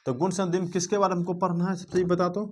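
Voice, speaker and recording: A man teaching a grammar class in a voice a little higher than most men. He talks the class through each rule, asks questions and keeps checking that they follow. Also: flat delivery, rapid-fire, a little mellow, slight background noise. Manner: drills with repeated check-ins, asking the class questions. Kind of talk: grammar lesson.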